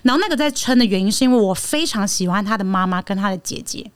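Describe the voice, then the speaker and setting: A woman's voice: mid-range voice, fast talker, clear, resonant tone. A woman, hosting a podcast and telling a personal story in casual chat, acting out the quotes she tells. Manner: animated, acts out quotes in raised voice. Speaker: podcast host.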